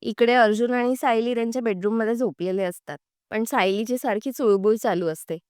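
A woman's voice: a little high, a little fast, smooth, dry recording, clean studio sound. A woman retelling a television serial episode as a storytelling recap. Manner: steady retelling.

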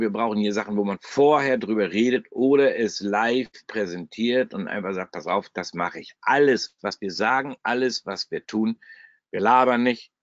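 The host of this live trading webinar is a man with a lowish voice and a German regional dialect. Screen shared from his computer, he talks through it bluntly and chattily, tossing in salty humor, and the audio comes across dry and slightly dull.

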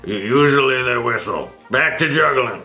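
A man's voice: mid-range voice, expressive, normal speed, sharp tone, faint music behind. A man playing a hapless, hesitant homeless juggler who mumbles, in an echoey comedy sketch. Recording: echoey room.

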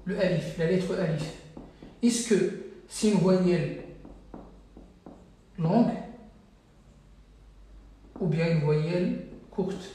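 A man's voice: high-pitched, takes it slowly, pauses often, dark tone, echoey room. A man teaching an Arabic reading class online, running a live quiz and patiently repeating each question several times for his students.

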